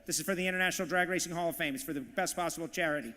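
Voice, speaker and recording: A man working as auctioneer and emcee at a live charity event, calling bids in a rapid, punchy, hyped way. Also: a little high, sharp tone, in a large hall. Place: large banquet hall, live audience.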